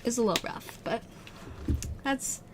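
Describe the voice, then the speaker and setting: This streamer, a twenty-year-old Utah woman, talks casually with livestream viewers in a slightly high, expressive voice at a somewhat slow pace, over background noise. She's giggly and rambling, full of "like" fillers, and her strained voice is fading.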